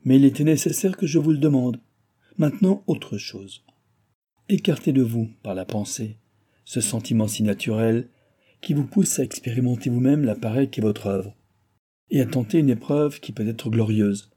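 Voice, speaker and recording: Male reader doing an impatient, warm-hearted heir in an audiobook: husky and pressing. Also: medium pitch, moderate pace, lightly acted. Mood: pleading. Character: impatient, excitable male heir, warm toward his friend.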